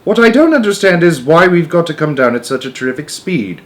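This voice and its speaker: A man's voice: a little high, big pitch swings, a little fast, voice pushed up. A man voicing an earnest, polite young boy in a storybook, sincere and questioning. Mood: urgent questioning.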